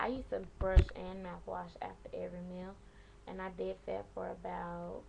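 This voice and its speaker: A woman's voice: mid-range voice, gravelly, background noise. A young woman giving advice in a casual, slangy, rambling vlog style, easily sidetracked as she talks. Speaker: vlogger sharing piercing aftercare advice. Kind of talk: casual rambling chat to camera.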